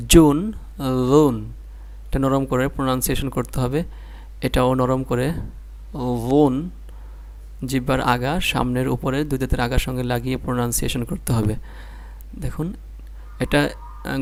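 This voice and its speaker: A man with a Bangladeshi Bengali accent teaching Quran reading, drilling syllables one by one and explaining patiently. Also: medium pitch. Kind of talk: slow spelling-out lesson.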